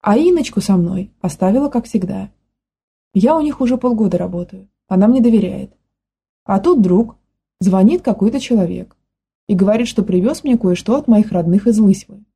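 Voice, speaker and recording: Scared young nanny, plain folksy speech, dark husky tone, as read by a woman narrator. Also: mid-range voice, lively intonation. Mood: distressed telling. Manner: plain folksy talk, quick to panic.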